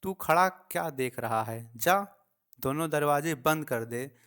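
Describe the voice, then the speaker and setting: A man's voice: fairly high pitch, lively intonation, measured pace, a bit bright, clear, resonant tone. A man reading the lines of a hot-tempered father who snaps in anger. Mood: snapping. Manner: angry, snapping. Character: hot-tempered, irritable middle-aged father.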